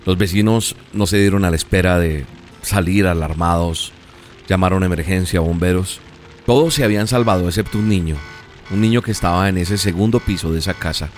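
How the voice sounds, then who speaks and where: Man preaching a daily devotional, earnest and emphatic, lowish voice, soft music behind. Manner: earnest, emphatic, dramatic pauses. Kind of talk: devotional sermon with storytelling.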